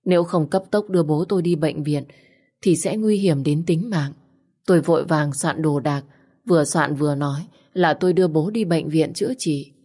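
A woman's voice: low-pitched, warm tone. A woman narrating a first-person story in an earnest, mournful way.

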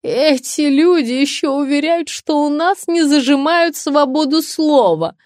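A woman's voice: very animated, takes it slowly, no room sound, studio quality. A woman reading an audiobook, voicing a drunken, spiteful female writer who jeers and drawls. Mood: screeching. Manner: shrill, jeering and drawling. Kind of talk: audiobook character voice.

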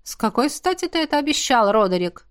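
A woman's voice: mid-range voice, expressive, fairly quick, no echo, clean studio sound, close to an everyday voice. A woman voicing a haughty, capricious female magic teacher with a huffy manner.

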